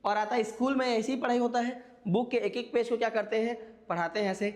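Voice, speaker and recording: A man's voice: extremely high pitch, fairly even intonation, fairly quick, in a large hall. A man teaching an exam-prep class, explaining step by step and checking in with his listeners. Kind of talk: classroom lecture.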